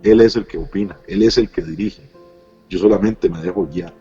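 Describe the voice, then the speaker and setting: Deep-voiced earnest pastor. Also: male voice, normal speed, warm tone, slightly rough, highs cut off, faint music behind. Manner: earnest and reflective, with frequent hesitant "eh" fillers. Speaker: pastor, interview guest. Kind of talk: personal testimony in an interview. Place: Costa Rica.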